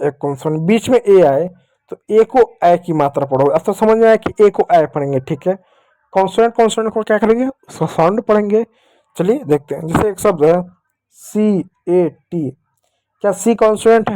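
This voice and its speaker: Teaching young children online, this man has a high-pitched voice with a dark tone, captured in a dry recording. He drills every point patiently, asks and then answers his own questions, and can be heard writing with a digital pen.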